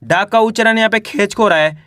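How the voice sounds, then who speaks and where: A man's voice: high voice, fairly quick, pushed and bright, smooth, dry recording, studio quality. A young man teaching a Hindi reading lesson, spelling out words syllable by syllable and quizzing the viewers.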